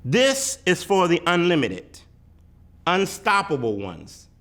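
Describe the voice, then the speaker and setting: This is a dramatic poetry read-aloud from a poetic picture book. The male reader's voice sits higher in pitch, and he hits his words with emphasis, animating the intonation and leaving heavy pauses.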